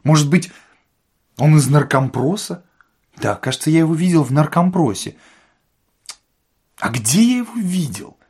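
A man doing a shrill harried theatre administrator. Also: expressive, moderate pace, pauses often, breathy edge. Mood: puzzled. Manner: shrill, loud, snappish. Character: harried, sweaty theatre administrator, middle-aged man, irritable. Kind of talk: audiobook character voice.

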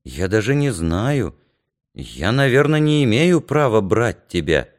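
A man doing a lanky, gentle young man in a spoken storybook, his voice low and soft. He speaks slowly, hesitant and kind. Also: big pitch swings. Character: tall, gentle young man saying goodbye.

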